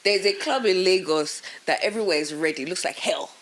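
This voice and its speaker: A young woman, co-hosting a podcast in casual chat, telling animated stories and acting out what people said. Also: fairly low pitch, brisk, slight background noise. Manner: animated storyteller, acts out quotes, laughs often. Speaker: podcast co-host.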